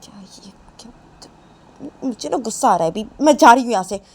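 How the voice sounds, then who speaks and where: A woman's voice: mid-range voice, lively intonation, a little slow, creaky, dark tone, slightly rough, exaggerated voice. A woman voicing an angry, disapproving middle-aged mother who scolds sharply.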